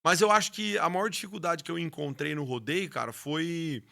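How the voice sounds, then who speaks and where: A man's voice: on the high side, moderate pace, gravelly, pushed and bright. A man, a rodeo announcer and horse trainer telling his story with passion in an interview, often restarting his words. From Brazil. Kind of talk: interview conversation.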